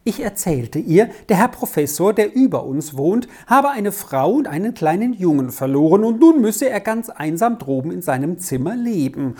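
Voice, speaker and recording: A woman's voice: lowish voice, sing-song, normal speed, hardly any pauses, darkish tone, slightly rough, pitched above the performer's own voice. A woman reading aloud voices a young governess who speaks with a needlessly raised, reproachful voice. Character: young female governess, stiff and aggrieved.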